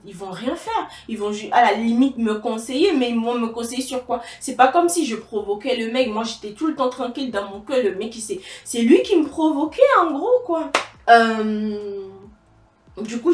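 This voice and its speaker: A woman's voice: fairly high pitch, far from the mic. Young woman from Togo, echoey room. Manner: halting, many fillers and restarts. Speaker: vlogger. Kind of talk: casual storytelling to camera. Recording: echoey room, voice a bit off-mic.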